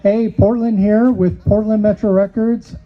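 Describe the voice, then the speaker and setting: Male interview host, higher register, casual chat, slightly lo-fi sound. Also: flat delivery, a little slow, soft background music. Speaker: show host.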